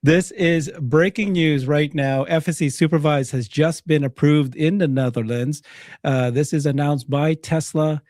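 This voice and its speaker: A man's voice: a little high, fairly even intonation, measured pace, darkish tone, no room sound, clean studio sound. A man hosting a live talk show, giving breaking-news commentary.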